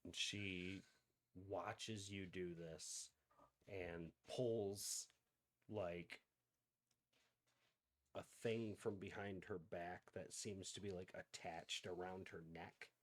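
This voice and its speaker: A man's voice: low-pitched, fairly even intonation, takes it slowly, long pauses. A man narrating as game master in a casual tabletop game, loose and full of fillers.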